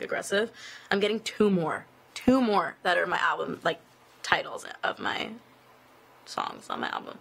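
A young woman, a singer, chatting casually on a live stream, reading fan questions aloud and answering with lots of "like" and quick laughs. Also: fairly low pitch, gravelly, a bit bright, breathy edge. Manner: chatty, giggly, filler-heavy with frequent "like". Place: indoors at an office.

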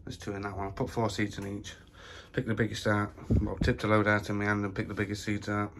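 A man with a low, monotone voice talks casually through a phone walk-through of his plot, full of fillers. Wind and outdoor noise sit clearly behind him. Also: quick pace. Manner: chatty, plain-spoken, full of fillers. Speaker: allotment vlogger. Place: windy allotment outdoors, then a room at home.

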